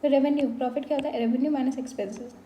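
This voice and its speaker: A woman's voice: high-pitched, steady tone, racing, mellow, echoey room, slight background noise, rough recording. A woman teaching a lesson on basic accounting terms, walking through each one and mixing English phrases into her explanations. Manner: explanatory, slips between Hindi and English.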